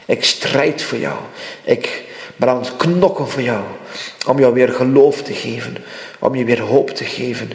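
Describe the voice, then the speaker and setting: A man's voice: medium pitch, a little slow, vocal fry. Fervent preacher, man, echoey hall. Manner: fervent, repetitive, speaks in first person as God. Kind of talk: prophetic sermon. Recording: echoey hall with long reverb.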